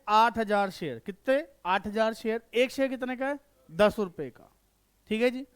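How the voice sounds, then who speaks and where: A man teaches an online accountancy lesson in a very high, smooth, resonant voice. He fires quick questions at his students and answers each one himself, checking again and again that they follow. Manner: repeats checks for understanding. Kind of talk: online class lecture.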